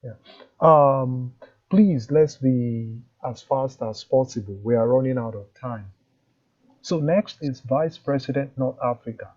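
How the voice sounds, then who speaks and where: Muffled, dark-voiced man moderating a call. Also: medium pitch, a little slow. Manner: polite, hesitant, repeats himself. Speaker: interview moderator. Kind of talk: informal chairing of an online meeting. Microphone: online meeting call. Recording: dull lo-fi online call audio.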